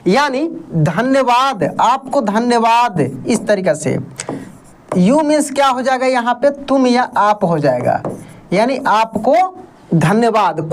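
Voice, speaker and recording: A woman teaching English words, spelling them letter by letter, repeating each meaning and quizzing the listener as she goes. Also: fairly high pitch. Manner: slow, repeats words and asks the viewer questions; calls viewers friend. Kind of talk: spoken English lesson.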